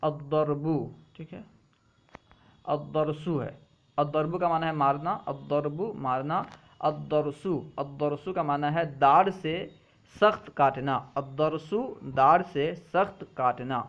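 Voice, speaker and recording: Man drilling a word list, muffled. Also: on the high side. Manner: repeats each word and its meaning twice in a steady drill. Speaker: teacher. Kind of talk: reading a vocabulary list aloud with meanings. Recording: dull, muffled lo-fi recording.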